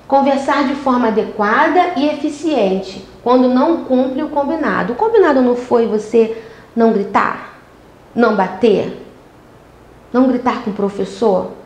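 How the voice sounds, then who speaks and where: A woman's voice: fairly high pitch, a little mellow, reverberant. A woman teaching an online class to parents, emphatic and repeating "ok?" as she acts out how a parent talks to a child.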